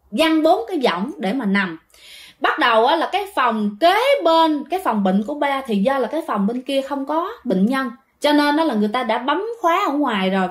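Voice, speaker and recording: A woman with a high voice tells a ghost story in a relaxed, chatty way. She keeps turning to her listeners and speaking to them directly, like someone sharing it with friends. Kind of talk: casual ghost story narration.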